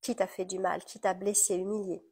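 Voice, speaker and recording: A woman with a French accent guiding a tapping session, gently coaching the listener through each step. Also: medium pitch, flat delivery, a little fast, husky. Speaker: EFT tapping guide.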